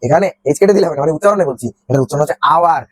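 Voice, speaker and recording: Young man, teacher, rapid grammar lesson, a bit high voice, dry close mic. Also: animated, dark tone, no room sound. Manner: explains step by step, repeats words, asks and answers his own questions.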